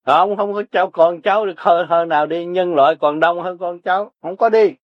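A man's voice: high-pitched, fairly quick, no room sound. An older man with a Southern Vietnamese accent, giving blunt, repetitive, earthy Buddhist teaching to listeners. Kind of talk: folksy spiritual teaching to listeners. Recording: dry, dull lo-fi recording.

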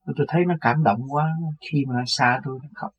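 An older man with a husky voice, earnestly telling a personal story. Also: mid-range voice, fast talker. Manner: recounts events earnestly, acts out quoted voices. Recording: dull lo-fi recording.

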